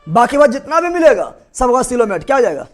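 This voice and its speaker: High-voiced man drilling a biology class. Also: sing-song. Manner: drills students with repeated quick questions. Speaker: teacher.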